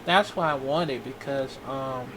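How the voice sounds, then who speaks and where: Slow, halting young man. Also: medium pitch, background noise. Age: 20s. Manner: halting, rambling, full of restarts. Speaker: vlogger. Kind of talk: personal video diary.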